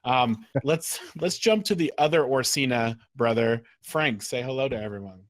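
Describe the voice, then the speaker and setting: Male show host, mid-pitched, playful and chatty. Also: normal speed. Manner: playful, laughs often. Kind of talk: casual hosting of an online game show.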